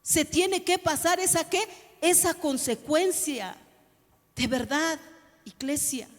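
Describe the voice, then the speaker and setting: Pastora predicando con voz aguda. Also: female voice, high-pitched, slow pace, in a large hall. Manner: preaching, addresses the congregation as "iglesia", asks rhetorical questions. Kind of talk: sermon. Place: church hall.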